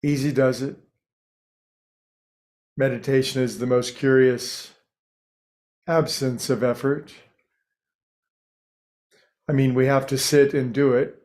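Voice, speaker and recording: A man guides a meditation as its teacher, speaking gently and soothingly and pausing often. His voice is mid-range and fairly flat in pitch.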